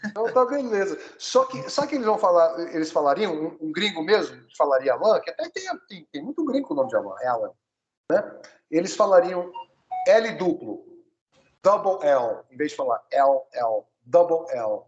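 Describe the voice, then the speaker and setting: A man from Brazil teaching a one-on-one English lesson, coaching his student and spelling words out slowly. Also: high voice, big pitch swings, lo-fi sound.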